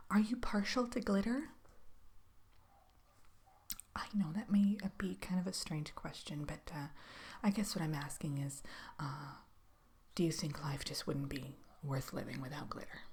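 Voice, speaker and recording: A woman in a whispered role-play, playing a chatty, polite fairy tale interviewer with a hesitant, conversational, softly questioning manner. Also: fairly low pitch, fairly even intonation, unhurried, pauses often, a little hiss or hum. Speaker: ASMR role-play performer.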